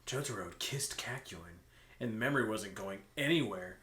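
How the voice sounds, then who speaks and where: A co-host reads fan fiction aloud in an amateur style, pausing now and then for casual joking asides. His voice is fairly low and sharp, expressive, and at a normal pace, with roomy, echoing room sound around it.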